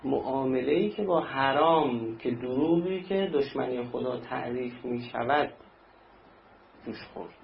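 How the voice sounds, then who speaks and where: Heard on a dull lo-fi recording with faint ambience and slight background noise, a man with a gravelly mid-range voice preaches. His sermon is conversational, and he acts out short anecdotes.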